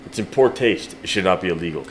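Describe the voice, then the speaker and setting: A man's voice: low-pitched, animated, fast, a little hiss or hum. A man in a casual podcast chat who talks animatedly, asks questions and uses lots of fillers.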